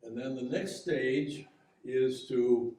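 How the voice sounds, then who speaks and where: A man walks an audience through boat-building slides, explaining each step patiently with frequent restarts. His voice is mellow and relaxed. He sounds set back from the microphone in a boomy, echoing room. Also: far from the mic. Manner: explanatory, halting with fillers and restarts. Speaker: local history talk presenter, boat builder. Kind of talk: public history lecture with slides. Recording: echoey room, heard from afar.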